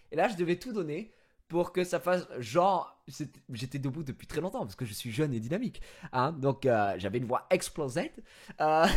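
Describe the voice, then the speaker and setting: A man telling a story in a casual vlog, rambling with fillers, using crude slang and breaking into mock-indignant shouting. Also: fairly high pitch. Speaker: streamer.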